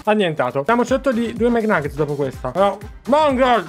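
High-voiced excitable Italian young man. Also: brisk, faint music behind. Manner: animated, chatty, addresses viewers as "ragazzi". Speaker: gaming YouTuber. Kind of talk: excited gameplay commentary. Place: home gaming room.

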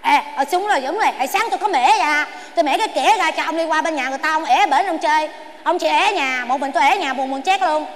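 A woman with a Southern Vietnamese accent playing a stubborn elderly wife in a stage comedy sketch, whiny and quick-tongued. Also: sits high, close to an everyday voice. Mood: bickering.

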